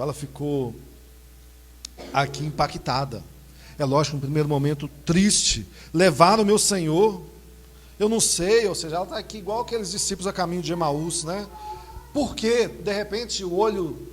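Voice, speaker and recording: A man preaching a sermon in a Brazilian accent, reading scripture slowly and then telling stories animatedly. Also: a little high. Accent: Brazilian Portuguese. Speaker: pastor. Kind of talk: expository sermon with personal anecdotes.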